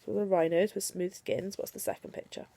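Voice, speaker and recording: A young woman, a mother, reads picture books aloud to her little daughter, coaxing her gently between pages. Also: on the low side, fairly quick, creaky. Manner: animated storytelling voice, coaxing and gentle with her child.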